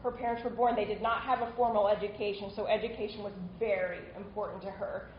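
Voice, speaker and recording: A woman's voice: mid-range voice, steady tone, quick pace, reverberant, lo-fi sound, a little hiss or hum. A woman instructor giving a recorded online lecture in a conversational way, often stopping for small asides.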